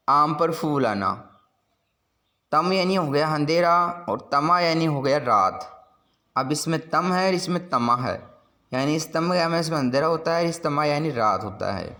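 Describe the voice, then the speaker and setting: A man's voice: fairly high pitch, bright, forceful tone. A man teaching a school lesson, patiently explaining word meanings and repeating each point.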